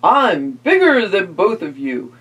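A woman voicing a boastful vampire in a read-aloud story, slow and heavy. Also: medium pitch, very animated, fairly bright tone, slightly rough, heavily acted. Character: boastful vampire, proud and pushy.

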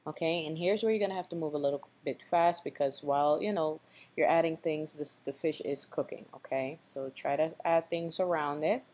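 Low-pitched female cooking host, patient step-by-step recipe voice-over. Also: normal speed, a little mellow. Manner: instructive, repeats tips with a checking "okay?".

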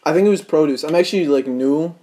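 Fast-talking young male prank caller. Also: fairly high pitch, warm tone, slight background noise. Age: 20s. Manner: chummy, rambling, filler-heavy. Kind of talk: casual prank phone call. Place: small room indoors.

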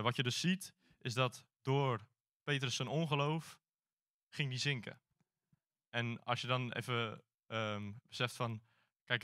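A man delivers an informal sermon as a church elder. He talks in a hesitant, searching way, with frequent pauses, at a mid pitch. The sound is dry and close. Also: sharp tone, no echo.

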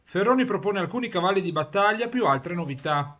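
High, bright male news narrator. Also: lively intonation, a little fast. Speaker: news reporter.

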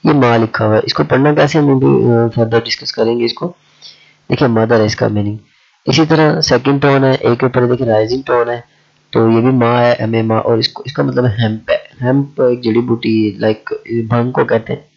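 A man who teaches a language lesson, talking slowly and repeating himself with many fillers. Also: mid-range voice, fairly even intonation, gravelly, a little mellow. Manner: slow and repetitive, with many fillers. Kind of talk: explaining a lesson. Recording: dull lo-fi audio.

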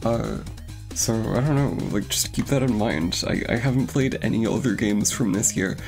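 A man's voice: lowish voice, lively intonation, moderate pace, a little mellow. A young man streaming a game, chatting casually in a rambling way full of fillers and restarts, a little out of breath. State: slightly out of breath. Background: game music.

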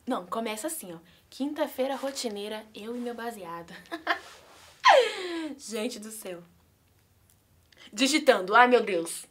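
A woman's voice: a little high, big pitch swings, measured pace, long pauses, fairly bright tone, slightly rough. A young woman with a Brazilian accent chatting nervously and giggling through a prank video. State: anxious. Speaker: YouTuber pranking her mother. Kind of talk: casual prank vlog chat.

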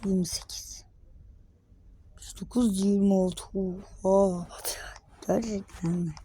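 Slow, mellow-voiced woman gaming. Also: mid-range voice, slight background noise. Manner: excitable, slangy outbursts between quiet mutters. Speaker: gaming video creator. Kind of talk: gameplay commentary.

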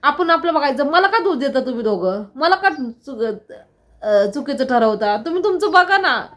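A woman with a high-pitched voice pours out her grievances in an emotional personal vlog. She sounds distressed and keeps throwing out rhetorical questions about why she is being blamed. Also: sing-song, normal speed, a bit bright. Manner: aggrieved, full of repeated rhetorical questions. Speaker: vlogger.

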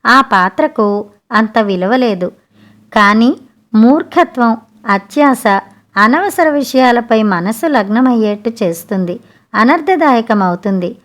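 A woman reading a fable aloud for an audiobook. Her voice is fairly high and her telling stays steady and even. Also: measured pace. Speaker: audiobook narrator. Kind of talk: storybook narration.

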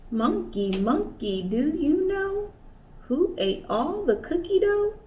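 A young American woman, a children's librarian, reads a picture book aloud to kids in a playful sing-song, her voice pitched extremely high, very animated, and slow. She's in a small indoor room, and the recording sounds slightly distant and dull with a faint hiss.

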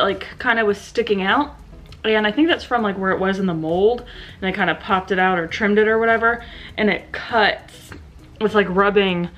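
A woman's voice: medium pitch, fairly bright tone, highs cut off. A young woman vlogging casually to camera in her bedroom, chatty and full of ums and likes, with a slight lisp from new aligners. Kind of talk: casual vlog talking to camera. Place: bedroom at home. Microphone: camera set down in front of her.

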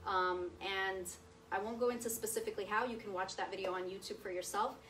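A guest speaker in her thirties, seated at a table in a meeting room with a projector screen, shares a personal testimony in a chatty, conversational way and keeps checking in with her audience. Her voice is medium-pitched, quick, slightly bright and fairly even in intonation. A distant camera picks her up from across the room, so the sound is roomy, with a faint hiss or hum.

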